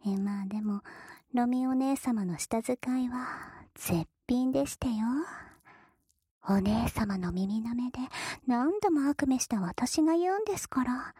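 Whispered role-play: a giggly, teasing younger sister, played by a woman, with a high yet mellow, husky voice. She draws her words out slowly and stays close and dry on the mic. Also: lively intonation, no room sound. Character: playful teasing younger sister, noble lady.

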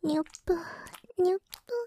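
A woman's voice: fast talker, mellow, a little hiss or hum, lightly acted. A woman voicing a doting young masseuse who tends to a hero, whispering breathily with a sweet, attentive, teasing manner. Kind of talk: whispered ASMR roleplay.

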